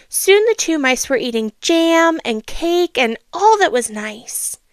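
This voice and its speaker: A woman reads a children's storybook aloud in an expressive, teacherly way, adding asides and questions for the listener. Her voice is on the high side, and the recording is dry.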